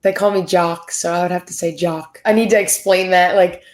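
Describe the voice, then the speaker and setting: A woman in her twenties, a pro soccer player, answering interview questions in a relaxed, chatty way full of fillers. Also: lowish voice, normal speed. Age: 20s. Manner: laid-back, filler-heavy, upbeat. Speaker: professional soccer player, guest. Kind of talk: casual interview chat.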